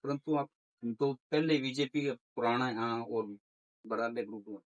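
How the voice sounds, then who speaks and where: A farmer, answering a reporter firmly and plainly. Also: male voice, medium pitch, normal speed, dull audio. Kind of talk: street interview.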